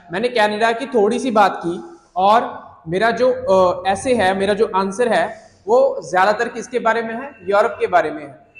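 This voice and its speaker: High-voiced teacher, echoey room. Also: male voice. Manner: chatty, teasing, mixes English phrases into Hindi. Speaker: IELTS teacher. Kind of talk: classroom-style lesson to students. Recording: echoey room with long reverb.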